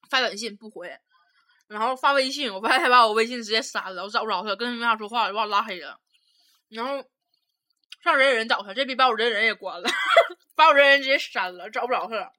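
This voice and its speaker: A woman's voice: a little high, quick pace, sharp tone. A young woman with a Northeastern Mandarin accent, hosting a casual storytelling chat in a blunt, profane way, laughing often as she tells it. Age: young adult. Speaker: podcast host.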